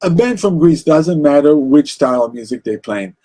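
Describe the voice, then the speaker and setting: A man's voice: on the high side, expressive, moderate pace, warm tone. A man with an Israeli accent, speaking as an interview guest about music in a passionate, rambling way with many restarts. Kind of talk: casual interview conversation.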